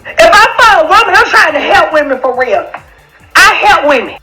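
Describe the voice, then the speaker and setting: A woman's voice: extremely high pitch, sing-song, moderate pace, over music. A woman crying as she makes an emotional, defensive statement, swearing freely. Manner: emotional, defensive, profane ranting. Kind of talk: emotional live video statement.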